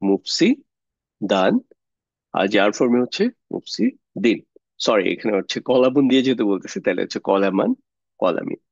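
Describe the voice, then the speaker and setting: A man's voice: on the low side, fast, no room sound, highs cut off. A man teaching an online Arabic grammar class, explaining patiently step by step and mixing English words into his speech.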